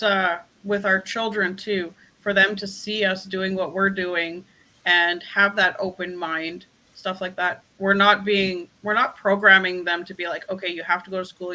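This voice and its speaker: A woman with a bright, forward voice speaks in a relaxed conversation. She sounds thoughtful and reflective, working through her ideas as she talks. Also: lowish voice, low-quality recording. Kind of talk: casual chat.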